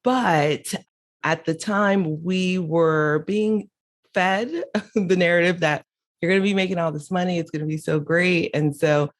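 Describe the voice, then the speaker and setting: A middle-aged woman born in Haiti and raised in Miami appears as a guest on an interview podcast, telling her own story candidly at a measured pace. Her voice is low, and she laughs here and there.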